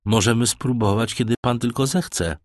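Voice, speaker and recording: A man voicing a calm, self-assured shipwrecked sailor in an audiobook. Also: mid-range voice, moderate pace, dry recording, close to an everyday voice. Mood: steady.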